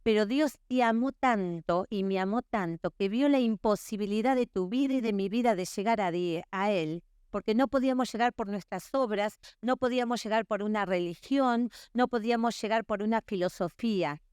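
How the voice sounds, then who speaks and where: A woman's voice: mid-range voice, normal speed, few pauses, a little mellow, smooth, dry recording, studio quality. A middle-aged woman, preaching earnestly at a women's conference and often checking in with her listeners. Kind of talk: sermon.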